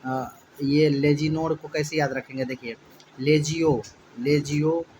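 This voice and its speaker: A man teaching a spelling lesson for exam students, spelling words out letter by letter and repeating each syllable slowly. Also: on the high side, level tone, darkish tone, slight background noise, poor audio.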